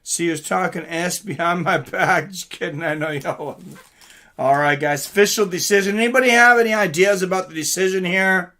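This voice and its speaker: With a high, sharp-toned voice at a moderate pace, a man runs a laid-back live reaction stream about fights. He keeps things chatty, greeting the audience and reading chat aloud as he comments.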